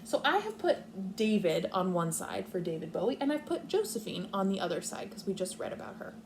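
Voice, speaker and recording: A kindergarten teacher speaks fairly quickly in a lively, varied voice as she reads aloud to young children and lays out her thinking step by step. Some faint background noise is present.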